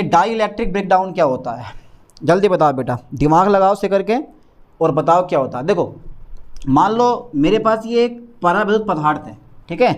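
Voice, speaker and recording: A man teaching a physics class, dictating notes slowly, repeating each phrase and quizzing his students. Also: sits high.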